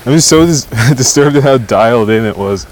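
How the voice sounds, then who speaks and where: A man's voice: medium pitch, lively intonation, moderate pace, a little hiss or hum. A man co-hosting a podcast, telling stories in casual chat while walking outside, wry and laughing mid-sentence. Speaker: podcast co-host. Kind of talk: casual storytelling chat outdoors.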